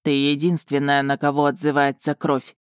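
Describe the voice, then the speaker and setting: A woman's voice: low-pitched, completely flat delivery, moderate pace, clear, resonant tone, dry recording, studio quality, pitched below the performer's own voice, close to an everyday voice. A woman reading an audiobook, voicing a brooding, possessive, ancient male dragon in a curt, commanding manner. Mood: earnest.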